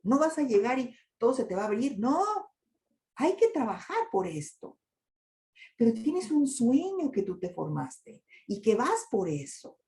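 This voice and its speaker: Older woman lecturing, mellow and echoey. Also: on the high side, big pitch swings, unhurried. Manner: conversational, asks the audience rhetorical questions. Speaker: lecturer on migration and grief. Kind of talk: presentation to an audience with slides.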